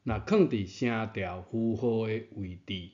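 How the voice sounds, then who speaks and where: Here a Taiwanese language teacher explains pronunciation with patience, restating key points and asking rhetorical questions. His voice is lowish and a little mellow, and he keeps a measured pace. The sound quality is dull and lo-fi.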